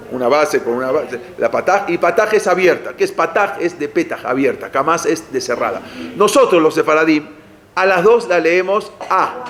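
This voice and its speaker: Male lecturer, slightly raised pitch, chatty question-and-answer teaching style. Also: fairly bright tone. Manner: conversational, asks the audience rhetorical questions, frequent "eh" and restarts. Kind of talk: explanatory lecture.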